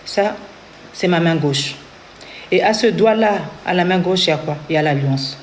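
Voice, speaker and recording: A woman's voice: fairly low pitch, moderate pace, a little hiss or hum. A woman from Congo with a Congolese French accent, telling her own story in an earnest testimony and acting out what others said. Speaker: interviewee giving a testimony. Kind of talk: personal testimony.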